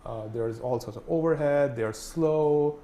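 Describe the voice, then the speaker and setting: This time the Pakistani instructor's mellow voice sits on the high side and moves at a measured pace. He stays casual and conversational, packing in fillers and checking "right?", amid room echo and faint noise.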